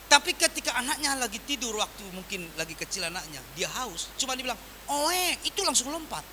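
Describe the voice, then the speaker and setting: A man preaching a sermon as pastor, swinging from loud emphatic lines to quiet soft ones. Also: very high voice, quick pace, slight background noise. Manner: animated preaching with wide swings in volume.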